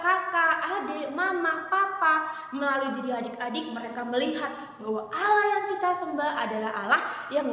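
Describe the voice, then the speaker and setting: Playful young woman preaching to children. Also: high voice. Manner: playful, animated, addresses kids directly. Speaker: children's ministry teacher. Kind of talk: children's sermon storytelling. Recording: echoey hall reverb.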